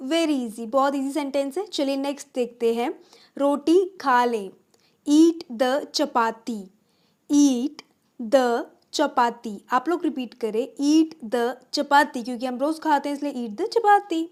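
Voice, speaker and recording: A woman teaching spoken English, saying each phrase slowly and repeating it for learners, with chatty asides in between. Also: high-pitched, darkish tone. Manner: slow, drawn-out repetition of phrases for learners.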